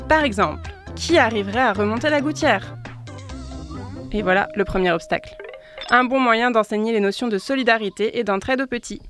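A woman who works as a librarian, giving a clear, lively scripted presentation of children's books and apps. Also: on the high side, brisk, music in the background. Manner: clear, lively storytelling delivery.

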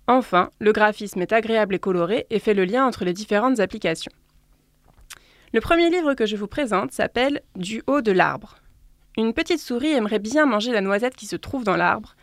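A woman who works as a librarian, giving a clear, lively scripted presentation of children's books and apps. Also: mid-range voice, no echo, studio quality. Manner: clear, lively storytelling delivery.

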